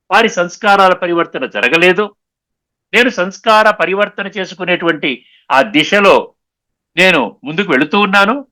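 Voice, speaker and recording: A man giving a spiritual discourse, explaining patiently, slowing down on key sayings and often checking that listeners understood. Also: high voice, bright, forceful tone. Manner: mixes English words into his talk; repeats and slows down on key sayings. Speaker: spiritual lecturer.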